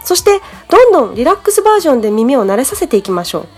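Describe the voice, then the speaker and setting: A woman's voice: sits high, sing-song, racing, a little mellow, soft background music. A woman from Japan hosting a podcast English lesson, explaining in a friendly, chatty way. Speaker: English teacher, podcast host.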